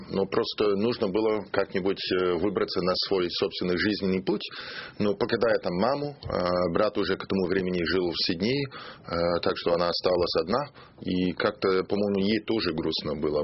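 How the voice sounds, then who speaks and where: This low-voiced, slightly rough Australian ambassador is a studio guest, replying to interview questions in a language not his first. He speaks hesitantly, pausing for words, and the radio studio audio is muffled.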